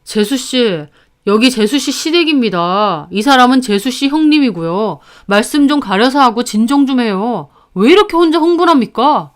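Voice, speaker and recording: A woman's voice: fairly high pitch, animated, normal speed, close to an everyday voice. Woman doing a stiff lecturing brother-in-law. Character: stern condescending man, brother-in-law.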